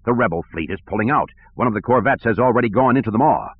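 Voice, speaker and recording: A man's voice: on the low side, animated, quick pace, slight background noise, natural voice. A man doing a firm, clipped soldier captain. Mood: urgent. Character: blunt, urgent male soldier captain. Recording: tinny phone-like audio.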